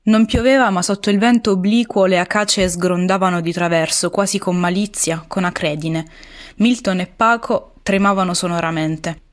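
A woman narrating a literary novel as an audiobook, in a measured, even way. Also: on the low side.

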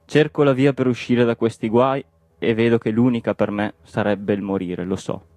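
A man voicing a poor middle-aged villager who speaks calmly and plaintively. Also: mid-range voice, normal speed, no room sound, natural voice. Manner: calm, plaintive.

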